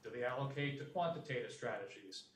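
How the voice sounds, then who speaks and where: A man's voice: mid-range voice, quick pace, a bit bright. A man giving a guest lecture to a business class, plainspoken and fond of repeating homely sayings. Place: university lecture room. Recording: echoey room, voice from a distance.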